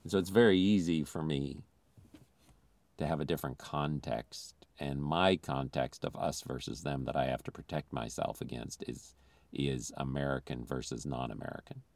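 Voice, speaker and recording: A man with a very deep voice delivers a sermon in an earnest, confessional way. He grew up in the Philippines, and the sound is dry and close. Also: normal speed, darkish tone, no echo.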